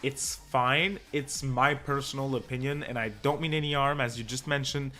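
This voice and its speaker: A man with a French accent, a medium-pitched voice, and a normal speaking pace co-hosts a podcast. In relaxed casual chat, he rambles through his thoughts, restarting sentences and laughing along the way.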